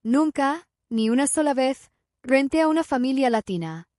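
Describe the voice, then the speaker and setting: Woman reads a hoarse, weak, ashamed old man in a storybook; high voice. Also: lively intonation, moderate pace, a little mellow, no echo, studio quality. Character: weak, ashamed older wealthy man in hospital bed.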